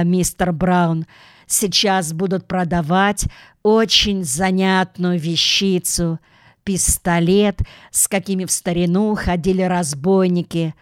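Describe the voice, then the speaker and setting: A woman voicing a kindly older male shopkeeper who speaks in a gentle, reassuring way in a storybook reading. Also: lowish voice, clean tone, no room sound, studio quality. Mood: confiding. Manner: soothing, gently persuasive.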